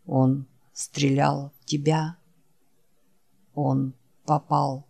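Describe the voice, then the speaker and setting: A woman voicing a dying, gentle male werewolf who speaks slowly and simply, in halting words. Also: low-pitched, little pitch movement, vocal fry, husky, dry recording, voice pushed down, heavily acted. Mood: weak, tender. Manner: slow, halting, simple speech.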